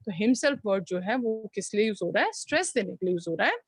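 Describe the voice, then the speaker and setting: A woman's voice: mid-range voice, animated, fast, no echo. A woman teaching an online grammar class to schoolchildren, asking the class questions and answering them herself, now and then calling out a student by name. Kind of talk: online class grammar lesson, Hindi mixed with English.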